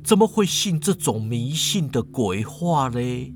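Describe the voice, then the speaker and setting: A man voicing a skeptical, rational professor who scoffs in a low, slow voice. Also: big pitch swings. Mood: scoffing.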